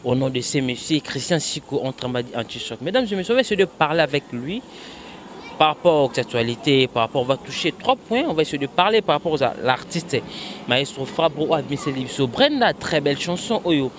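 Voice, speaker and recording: A man's voice: a little high, expressive, fairly quick, a little hiss or hum. A man hosting a talk show outdoors, announcing it in an emphatic, formal style into a handheld microphone. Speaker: host. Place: outdoors against a concrete wall.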